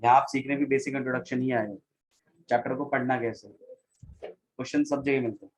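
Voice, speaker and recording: A man's voice: mid-range voice, fairly even intonation, fairly quick, poor audio. Man teaching a maths class. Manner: repeats key phrases, quizzes students, mixes Hindi and English. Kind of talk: classroom lecture.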